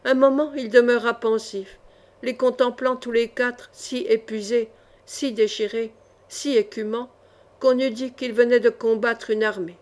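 A woman with a somewhat high voice narrates an old-fashioned swordfighting novel. Her reading is measured and expressive, shaping each sentence for the listener. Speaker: audiobook reader. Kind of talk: scripted narration of a swashbuckling novel.

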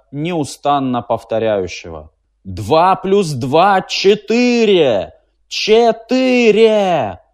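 A man narrating a literary tale in a measured, dramatic storytelling manner. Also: medium pitch, a little mellow. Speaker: audiobook reader.

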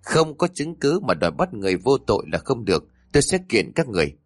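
A man voicing a defiant male suspect who talks loudly and threatens to sue. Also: mid-range voice, big pitch swings, fast, no room sound, studio quality. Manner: blustering, threatening.

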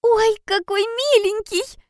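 An eager young girl detective, as a woman narrator puts her on, asking quick questions in a high, bright voice. The pitch jumps up with excitement. The sound is dry and close. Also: dry recording. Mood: curious. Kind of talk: storybook reading.

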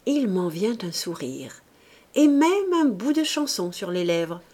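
A woman reading a novel aloud in an expressive, measured way, sometimes dropping to a hushed near-whisper. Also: mid-range voice. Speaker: audiobook reader.

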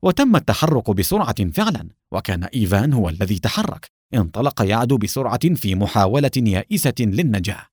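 A man's voice: fairly low pitch, big pitch swings, brisk, a little mellow, slightly rough, dry recording, clean studio sound. A man narrating an adventure audiobook in a dramatic storytelling manner.

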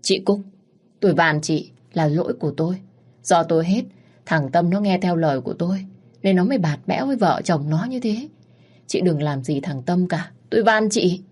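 A woman's voice: fairly low pitch, expressive, moderate pace, a little mellow, slightly rough. A woman voicing a cruel, cowardly older mother-in-law in a storybook reading. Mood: pleading. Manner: harsh, then pleading.

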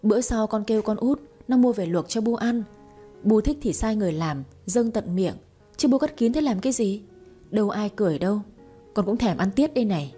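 A feisty young wife full of quick, teasing retorts, as a woman narrator puts her on. Her tone is mellow and a little breathy. Faint music plays behind the storybook reading. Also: mid-range voice, expressive. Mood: sassy. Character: feisty young wife, sharp-tongued and scheming.

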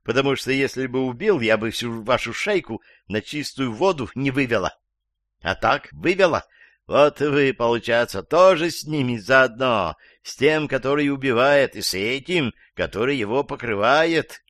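A male audiobook reader voicing an agitated, suspicious old woman witness who talks in a shrill, accusing way. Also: animated, normal speed, fairly bright tone, no echo, studio quality, close to an everyday voice. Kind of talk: audiobook character voice.

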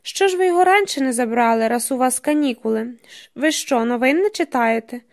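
A woman's voice: high voice, expressive, a little fast. A woman reading the part of a chain-smoking male journalist who talks in an ironic, lecturing way. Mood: mocking.

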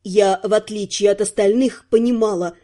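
A woman's voice: medium pitch, steady tone, moderate pace, warm tone. A woman reading a first-person fantasy novel aloud, narrating expressively. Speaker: audiobook narrator.

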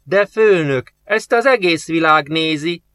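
A man's voice: fairly high pitch, animated, sharp tone, clear, resonant tone, dry recording, voice pushed up. A man voicing a cocky mechanic of barely twenty in an audiobook, protesting and eager in tone.

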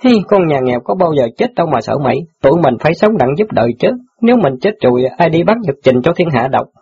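A brash, teasing street newspaper boy, acted by a man in an audiobook drama. He talks fast with a high, lively, husky and gravelly voice. The recording sounds dull and lo-fi. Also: full character voice.

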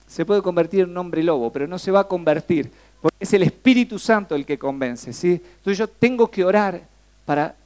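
Young rioplatense guy preaching, kinda high voice, keeps throwing questions at the crowd. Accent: Rioplatense Spanish. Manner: asks the congregation frequent questions, lively and conversational. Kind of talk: sermon.

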